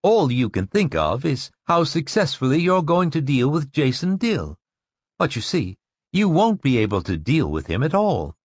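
A cold, fanatical woman with a thin voice as brittle as glass, as a male narrator puts her on. Her pitch sits high above the reader's own and swings a lot. The sound is close and dry. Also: big pitch swings, moderate pace, no room sound. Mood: cold, insistent. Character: intense fanatical young widow, hard brittle voice.

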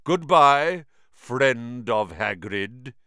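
A man voicing an ancient giant male spider, croaking and grave, speaking slowly and solemnly. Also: mid-range voice, animated, sharp tone, dry recording, clean studio sound, full character voice. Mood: fierce. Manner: slow, solemn, clicking menace.

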